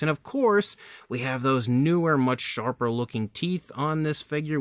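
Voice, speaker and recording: A man's voice: medium pitch, fairly bright tone, no room sound. A man hosting his own toy review channel, talking in an upbeat, chatty and detailed way with casual fillers.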